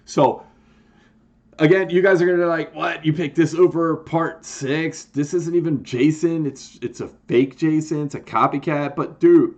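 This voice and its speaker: Rambling excited man, dull lo-fi sound. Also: medium pitch. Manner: rambling, excited, full of fillers and restarts. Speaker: YouTube host ranking horror films. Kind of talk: casual chat to camera.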